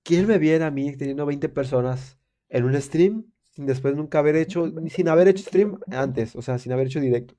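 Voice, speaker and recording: A young man, stuffy with a cold, excitedly commenting on a live game and chatting with viewers. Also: a little high, normal speed. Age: young adult. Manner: rambling, excitable, talks to viewers while playing. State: congested with a cold. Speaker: streamer. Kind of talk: live gameplay commentary reading chat.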